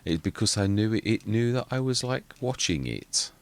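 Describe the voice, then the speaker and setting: Talking casually over a farming game, a gaming channel host meanders, mutters to himself, and frequently corrects what he's saying partway through. His quiet, lowish voice is sing-song with vocal fry, at a moderate pace.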